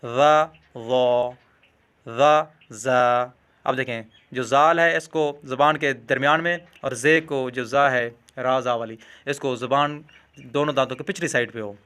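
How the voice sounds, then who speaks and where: A man's voice: medium pitch, fairly even intonation, bright, forceful tone. Patient man drilling letter sounds. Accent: Pakistani Urdu. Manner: patient, repeats sounds slowly and drawn out. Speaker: Quran pronunciation teacher. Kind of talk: instructional demonstration.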